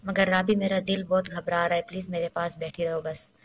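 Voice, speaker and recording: A woman voicing a feverish, frightened young woman who pleads quietly. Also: fairly low pitch, flat delivery, fairly quick, slight background noise, lightly acted.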